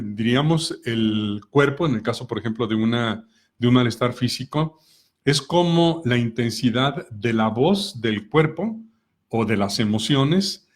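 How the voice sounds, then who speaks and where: Middle-aged man, co-host, calm explainer, stacks rhetorical questions. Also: mid-range voice. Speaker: co-host of a personal growth talk. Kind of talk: explanatory talk with examples.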